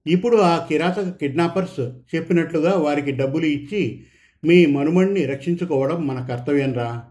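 A man voicing a kind, steady schoolteacher who gently reassures his friend in a read story. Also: a little high, normal speed, close to an everyday voice. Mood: reassuring.

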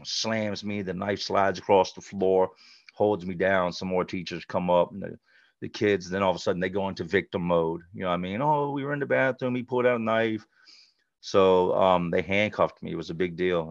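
Middle-aged man, deep gravelly voice, blunt conversational storyteller; dull, dry lo-fi sound. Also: no room sound. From North Carolina, USA. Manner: blunt, conversational, frequent "like" and "you know". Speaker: podcast guest. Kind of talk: candid personal storytelling.

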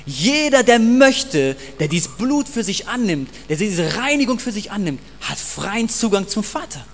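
Male pastor, sermon, emphatic and passionate, rather high and lively voice, long hall reverb. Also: moderate pace. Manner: passionate, emphatic, addresses the congregation directly.

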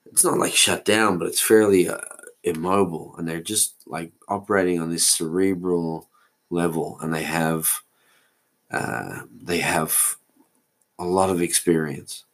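Slow, deep-voiced man musing aloud. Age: 40s. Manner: musing, meandering, loses his thread. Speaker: podcast host. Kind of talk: solo rambling monologue.

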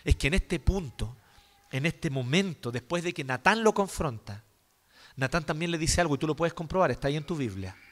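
A man preaching a sermon, expressive and acting out examples, often asking his listeners questions. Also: on the high side, fairly quick. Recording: long hall reverb.

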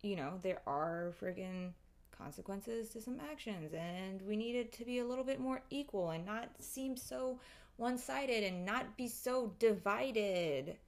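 A woman's voice: mid-range voice, a little slow. A woman hosting a podcast, giving a casual, opinionated monologue in an emphatic, exasperated, ranting way with heavy swearing. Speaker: podcast host.

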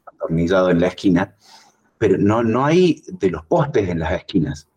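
An Argentine man chatting casually as a podcast guest, rambling and animated as he tells stories. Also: moderate pace, slightly rough. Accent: Argentine Spanish. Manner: rambling storyteller, animated when recounting, lively pitch jumps. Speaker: guest cartoonist.

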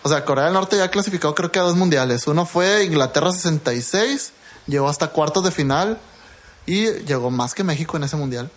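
A man's voice: a little high, expressive, brisk. A young man with a Mexican Spanish accent, co-hosting a podcast in chatty casual conversation. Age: young adult. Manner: chatty, full of sports trivia. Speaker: podcast co-host. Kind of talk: casual chat.

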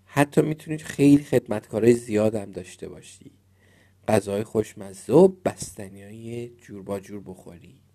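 A man voicing a kind young female fairy in training, speaking gently and soothingly in a storybook reading. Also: fairly low pitch.

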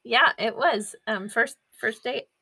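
A woman's voice: on the high side, slow, sharp tone, slightly rough. A woman co-hosting a podcast in casual chat, laughing often and adding short agreeing replies. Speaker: podcast co-host.

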